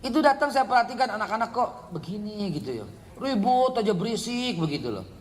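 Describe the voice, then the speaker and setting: A middle-aged man preaching a parenting sermon to a congregation, animated, swinging from quiet asides to loud scolding outbursts. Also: high-pitched, a little fast. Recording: echoey hall reverb.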